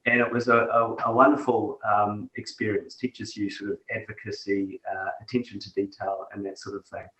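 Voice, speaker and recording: A middle-aged tech executive with a New Zealand accent reflects as a guest in a conversational interview, speaking with a lowish, bright, forceful voice, flat delivery and a moderate pace. He uses many fillers and restarts, and the room is echoey with the mic set far away.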